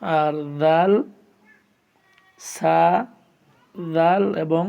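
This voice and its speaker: A man's voice: fairly high pitch, steady tone, very slow, creaky, a little mellow, clear, resonant tone, highs cut off. A man teaching the Arabic letters as a Quran lesson, patiently sounding out each letter and repeating it for learners. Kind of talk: slow step-by-step pronunciation lesson.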